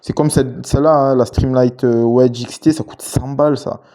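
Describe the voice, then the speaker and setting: Male cop, relaxed hesitant gear talk, warm dark voice. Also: mid-range voice. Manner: hesitant, many filler pauses, relaxed slang. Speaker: police officer and gear channel host. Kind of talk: casual gear chat to camera.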